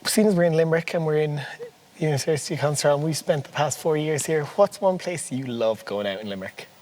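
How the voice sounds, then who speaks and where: A man's voice: on the high side, fast talker, darkish tone. Talkative young man, Irish midlands accent. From Portlaoise, Irish midlands. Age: early 20s. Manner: talkative, informal. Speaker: student podcast co-host. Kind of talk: casual chat.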